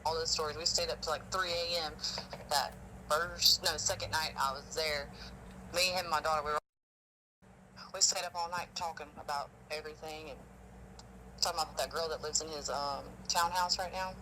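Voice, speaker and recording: A man's voice: a little high, steady tone, moderate pace, pushed and bright, slight background noise. A man telling stories on a phone call in a rambling, emotional way. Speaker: witness. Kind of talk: casual phone conversation.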